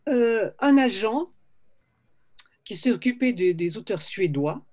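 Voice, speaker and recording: Older woman publisher telling a lively anecdote. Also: fairly high pitch, takes it slowly. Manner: animated anecdotal storytelling with many restarts. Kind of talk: storytelling interview.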